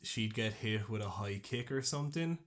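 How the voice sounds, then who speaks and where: Irish guy on a podcast, lowish voice, dry jokes, laughs a lot. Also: expressive, moderate pace. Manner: dry quips, laughs often. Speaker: podcast co-host. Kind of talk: casual chat.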